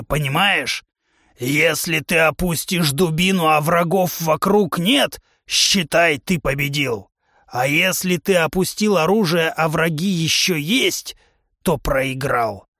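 A man's voice: fairly high pitch, a bit bright, no echo, clean studio sound. Male reader playing a blustering beast-man drill instructor for an audiobook, raised voice, barking orders. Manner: bellowing, blustering drill-sergeant delivery. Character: huge hot-tempered male musk-ox humanoid club trainer. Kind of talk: audiobook character voice.

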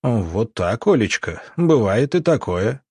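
A man voicing a smug, scheming military doctor who wheedles and snarls, with a husky voice. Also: mid-range voice, sing-song, takes it slowly, warm tone, dry recording, clean studio sound, exaggerated voice. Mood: wheedling.

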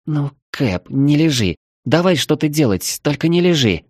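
A man's voice: on the high side, sing-song, moderate pace, no room sound, clean studio sound, voice pushed up. A man putting on a frightened young city woman. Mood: anxious. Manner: pleading, anxious. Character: frightened young Moscow woman on a river trip.

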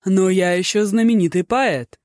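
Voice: medium pitch, moderate pace, darkish tone, dry recording, studio quality, natural voice. A narrator voicing a flamboyant, tipsy male poet who is effusive and theatrically pleased with himself. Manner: effusive, theatrical, self-satisfied.

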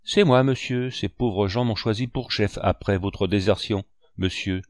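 A man's voice: lowish voice, unhurried, dry recording, studio quality, close to an everyday voice. A man voicing a sly one-legged pirate cook who speaks with ingratiating, false courtesy in an audiobook reading. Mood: courteous.

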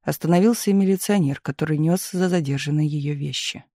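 A man reading a novel aloud in an even, measured narrating voice. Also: on the high side, no echo, studio quality. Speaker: audiobook reader. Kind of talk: scripted narration.

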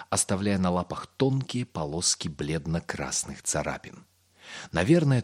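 Deep husky male storyteller. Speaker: narrator. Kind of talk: scripted fairy-tale narration.

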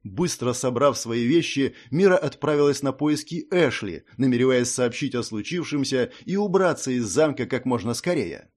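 A man's voice: mid-range voice, animated, moderate pace, hardly any pauses, a little mellow. A man reading a fantasy audiobook aloud, storytelling expressively. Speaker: audiobook reader.

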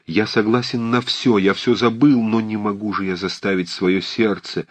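A heartbroken nobleman pleads with passion, voiced by a man reading the book. The voice is deep and a little husky. The recording is close and dry. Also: fairly even intonation, normal speed, dry recording, natural voice. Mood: impassioned. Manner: impassioned, pleading.

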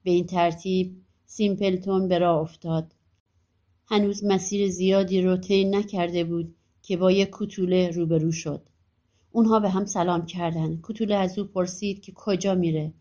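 A woman narrating a fairy-tale audiobook in a calm, even storytelling manner. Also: fairly low pitch.

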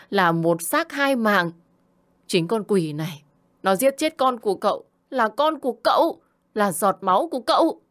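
A woman voicing a grieving young woman who wails and accuses, pitched well above her own voice and loud. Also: no room sound, lightly acted. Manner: wailing, accusing.

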